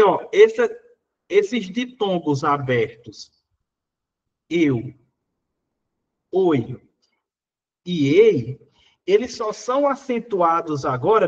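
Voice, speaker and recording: A man's voice: sits high, lo-fi sound. A Brazilian Portuguese man teaching, working through exam questions in a casual, conversational way, full of little fillers.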